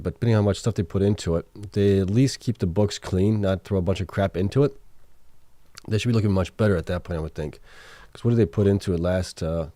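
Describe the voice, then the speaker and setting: Late at night, a livestream host with a low, mellow voice goes over financial results and reads out questions from viewers' chat. Thinking aloud, he fills gaps with fillers and keeps correcting himself, and he's starting to lose his voice. There's no echo.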